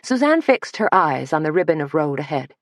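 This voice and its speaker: Woman reading a cozy mystery, low voice, steady pace, very dry close sound. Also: fairly quick, dry recording. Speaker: audiobook narrator. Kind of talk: scripted narration.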